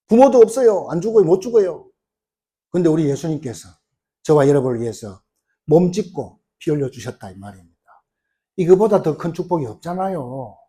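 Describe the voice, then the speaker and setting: A middle-aged male pastor delivers an emphatic sermon in a high, highly animated voice. He keeps throwing rhetorical questions at the congregation.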